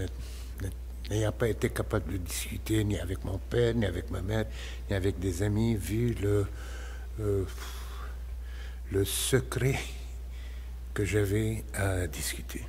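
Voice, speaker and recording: A man, giving a slow, measured and reflective personal testimony as a parishioner. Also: on the low side, darkish tone, a little hiss or hum. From Lebanon.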